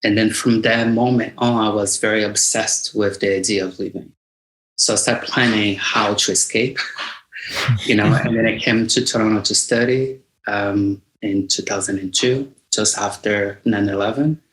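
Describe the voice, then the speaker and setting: A middle-aged Brazilian singer-songwriter from Bahia speaks English with a Brazilian Portuguese accent during an interview, his voice fairly low and fairly bright in tone. He talks conversationally and thoughtfully at a normal speed, feeling out his words with fairly even intonation. The audio quality is poor.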